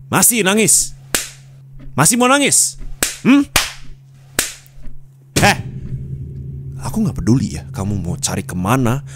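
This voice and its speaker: A man's voice: mid-range voice, darkish tone, a little hiss or hum, lightly acted. A man voicing a cold, belittling young husband in an ASMR role-play, scolding harshly into a close condenser mic.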